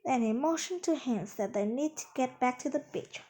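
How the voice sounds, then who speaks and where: A woman reading a children's adventure book aloud in a lively way. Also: high-pitched, moderate pace, rough recording. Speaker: storyteller.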